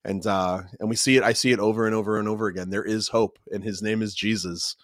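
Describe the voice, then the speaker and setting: A man's voice: lowish voice, fairly even intonation, quick pace, no room sound, studio quality. A man speaking as a podcast guest, earnest and encouraging in tone. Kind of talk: conversational podcast talk.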